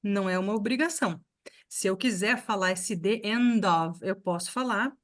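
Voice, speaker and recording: A woman teaching a live online pronunciation lesson, explaining patiently and repeating sounds slowly for her students. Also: medium pitch. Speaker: English teacher.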